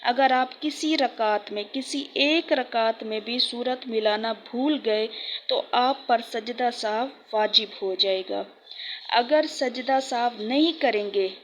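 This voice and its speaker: Higher-pitched woman teaching step by step. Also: slight background noise. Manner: patient, repeats key points. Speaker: religious teacher. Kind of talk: instructional talk.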